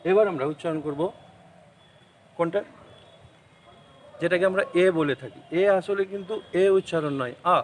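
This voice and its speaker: A man with a Bengali accent teaching an English poem in an online class, explaining slowly and switching between English and Bengali. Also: on the high side, a little hiss or hum, rough recording. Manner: slow, deliberate explaining, mixing English with Bengali.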